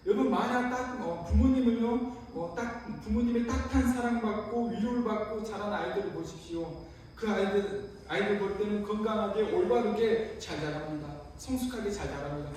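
High-voiced young preacher in echoing church. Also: male voice, a little mellow, slight background noise. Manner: heartfelt personal testimony with many fillers. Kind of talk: sermon. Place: church sanctuary. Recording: echoey hall, voice from far off.

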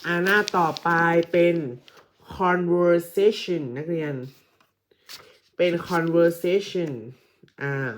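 This is a woman teacher taking her class through a lesson. She sets a very unhurried pace in a lowish voice. She repeats every English phrase, translates it patiently, and quizzes the students as she goes. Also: slight background noise. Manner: asks the students questions and calls them kids. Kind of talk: slow classroom English lesson explained in Thai.

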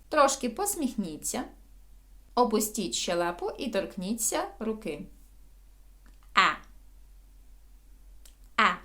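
A woman teaching English pronunciation, walking learners through a vowel warm-up and modelling each drawn-out sound between her instructions. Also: a little high.

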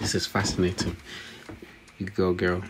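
A man's voice: low voice, completely flat delivery, moderate pace, husky, soft background music. A young man giving a casual, joking voice-over, narrating step by step.

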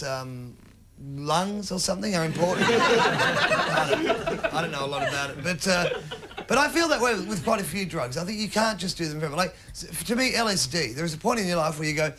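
A middle-aged man doing stand-up, telling a rambling story with sudden shouted bits, recorded live on stage. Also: on the high side, slight background noise. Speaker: stand-up comedian. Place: comedy stage before an audience.

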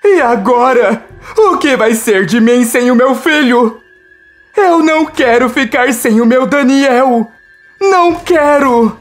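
A woman voicing a frantic mother who has just lost her son, wailing high and loud. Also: lively intonation, slow, soft background music. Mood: furious. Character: grieving frantic mother, shrieking.

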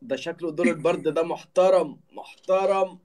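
A man's voice: fairly high pitch, fairly quick, darkish tone. A man with an Egyptian accent and a cold, bantering on a live stream and urging viewers to tap and share. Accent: Egyptian Arabic. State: has a cold.

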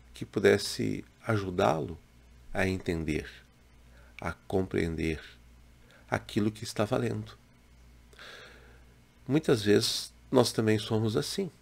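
A man in his sixties from Brazil, a pastor giving a slow, measured daily devotional to a webcam in a small home room. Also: lowish voice, vocal fry. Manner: slow, measured, gentle preaching with pauses. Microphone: webcam in front, head and shoulders.

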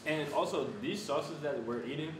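A man in his twenties with an American accent, casually reviewing food and chewing while talking. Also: moderate pace. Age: 20s. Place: small bare room at a table, indoors. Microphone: camera several feet away. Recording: echoey room, distant mic, clear rumbling noise.

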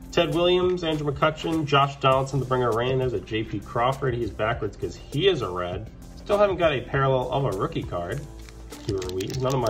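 Low-voiced man calling out cards. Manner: chatty, calls out each card name, upbeat when a good card appears. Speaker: card collector opening packs. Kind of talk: casual pack-opening commentary. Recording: background music under the voice.

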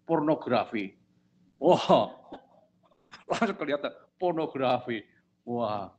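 Male pastor, sermon delivery, anecdotal and animated, mid-pitched voice, checks in with listeners. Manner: storytelling preacher, acts out dialogue with lively pitch jumps; asks the congregation if they follow.

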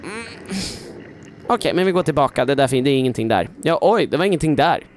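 A man giving chatty let's-play commentary on a horror game, filling silences with talk and switching between hushed whispers and loud yelps. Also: fairly high pitch, expressive, slight background noise. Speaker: gaming YouTuber.

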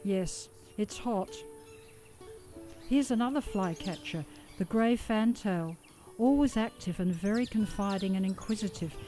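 A woman with an Australian accent giving calm, scripted nature documentary narration as a voice-over. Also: medium pitch, measured pace, faint music behind.

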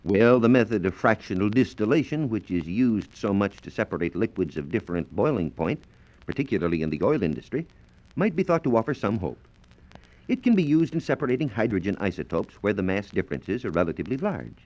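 A fairly quick, sing-song delivery comes from a man with a lowish, slightly mellow voice and an American accent. His formal, carefully phrased science lecture is scripted like a 1940s radio broadcast and heard through a dull, lo-fi transcription disc.

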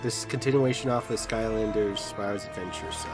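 A man's voice: lowish voice, brisk. A man hosting a live game stream, chatting casually and easygoing, with game music behind. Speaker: streamer host. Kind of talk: casual gameplay commentary.

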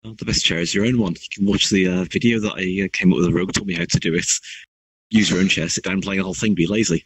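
A man's voice: sits low, a little fast, slightly rough, rough recording. A man joining a casual gaming chat, laid-back and jokey.

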